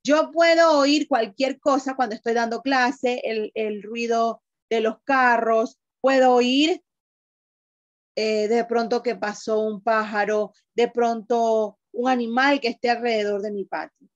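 A woman's voice: a little high, fairly even intonation, a little slow, no echo, highs cut off. A woman teacher giving an online class, explaining patiently and asking the class questions.

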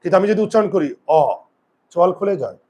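Racing through a classroom lesson on pronunciation, a male grammar teacher fires questions at his students and supplies the answers himself. Now and then he drops into a low, quiet voice for an aside.

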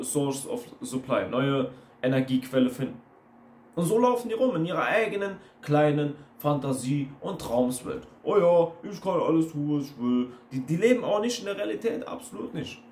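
A man's voice: mid-range voice, darkish tone. A man, an online coach, giving a blunt, ranting monologue full of emphatic repetition. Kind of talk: casual monologue video. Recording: roomy with faint noise.

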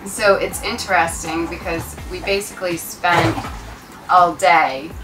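Brief: woman in her thirties, slightly low voice, casual and chatty, music behind. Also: fairly even intonation, poor audio. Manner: quick, chatty, lots of fillers. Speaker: sailing vlogger. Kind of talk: casual chat. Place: on a boat.

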